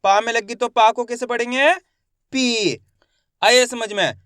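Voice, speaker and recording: A man's voice: extremely high pitch, steady tone, fairly quick, fairly bright tone, clean tone, no room sound, clean studio sound. A young man teaching Hindi reading, stretching each syllable and quizzing the viewer step by step. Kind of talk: step-by-step lesson for learners.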